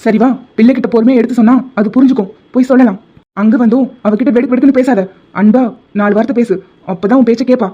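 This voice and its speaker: A woman's voice: a little high, fairly even intonation, fast talker, natural voice. A woman voicing a firm but fond father in a Tamil cartoon, stern and lecturing. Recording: dull lo-fi sound.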